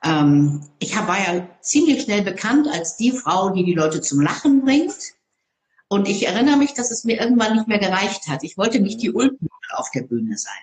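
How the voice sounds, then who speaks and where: A woman who speaks on stage, telling stories in an interview in a lively, expressive way. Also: medium pitch, normal speed, reverberant. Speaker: public speaker. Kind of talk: interview conversation.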